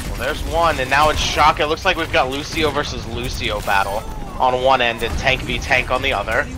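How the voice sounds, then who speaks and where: A man's voice: mid-range voice, fairly even intonation, moderate pace, music in the background. A man casting an amateur video game match with playful, rambling play-by-play commentary full of ums. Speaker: esports caster.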